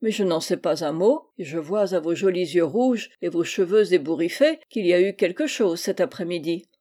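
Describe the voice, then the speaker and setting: A frank old family friend, as a woman reader puts him on, speaks bluntly and firmly. The voice stays mellow and unhurried in a storybook reading. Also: lowish voice, expressive. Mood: teasing. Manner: blunt and stern. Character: frank, gruff but kindly old man.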